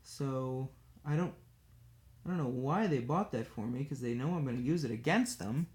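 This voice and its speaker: A man's voice: mid-range voice, normal speed, darkish tone. A man casually chatting on a livestream while painting miniatures, rambling and self-deprecating as he works. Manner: talks absent-mindedly while working with a brush.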